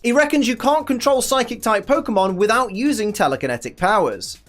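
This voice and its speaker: A man's voice: sits high, animated, brisk. Guy doing snarky cartoon commentary, voice jumps all over, bit of music. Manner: dry, sarcastic asides. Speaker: commentary host.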